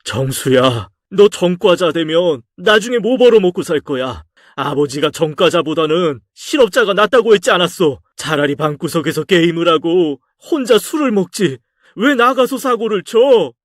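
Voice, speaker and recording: A man's voice: fairly high pitch, measured pace, no echo, studio quality, voice pushed up, lightly acted. A man reading a story aloud and voicing a stern, exasperated middle-aged father who scolds his son in a raised voice. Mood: scolding. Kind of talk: audio drama story reading.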